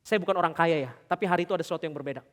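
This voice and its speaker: Male pastor, middle-aged, sermon delivery; high register, roomy hall reverb, shifts between fervent and hushed. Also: rapid-fire. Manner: swings from loud, high preaching to quiet, confiding storytelling; addresses the congregation directly with questions. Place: large church hall. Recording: long church hall reverb.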